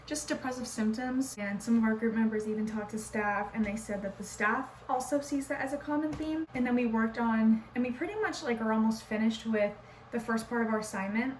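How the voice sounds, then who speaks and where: A young woman of about twenty talks in a casual vlog, loose and chatty with plenty of "like" thrown in. Her voice sits a little high. A faint hiss of noise sits under the phone recording. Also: fairly quick, poor audio. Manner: chatty, lots of filler likes. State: scratchy sore throat. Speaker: nursing student vlogger.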